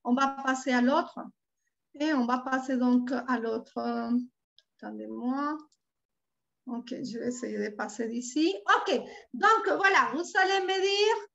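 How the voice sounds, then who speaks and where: A woman with a Colombian Spanish accent teaches French over a video call, her voice bright and high. She patiently spells out each word twice, and the call audio comes through dull and lo-fi. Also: lively intonation. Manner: patient, repeats words slowly and clearly. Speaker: French tutor. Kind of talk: online language lesson.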